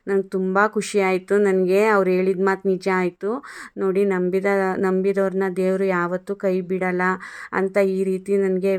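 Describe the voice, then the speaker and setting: Woman vlogger, flat even delivery, smooth clear voice, personal story told calmly. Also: mid-range voice. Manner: calm, even storytelling with frequent "aa" fillers. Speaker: channel host.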